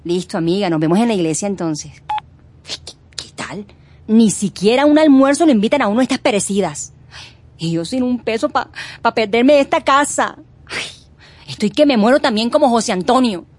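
An actress playing a sulky grown daughter who complains in a whiny, sarcastic way. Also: female voice, on the high side, animated, normal speed, darkish tone, no echo. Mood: grumbling. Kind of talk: dramatic comic acting.

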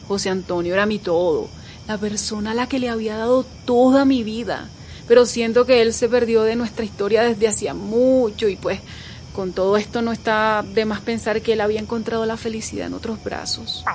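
An actress playing a grieving widow, speaking in a heartbroken, tearful way. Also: female voice, a little high, steady tone, brisk, a little mellow, slight background noise, natural voice. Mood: sad. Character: grieving widow, middle-aged woman. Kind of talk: dramatic acting.

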